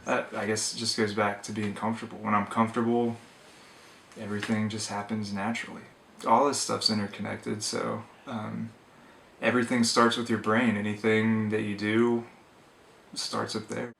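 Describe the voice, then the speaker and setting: A young man speaks calmly in a low, flat, gravelly voice. He is recorded from some way off in an echoey room. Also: moderate pace, far from the mic, a little hiss or hum. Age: young adult. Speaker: graduate student interviewee. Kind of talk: casual interview answer.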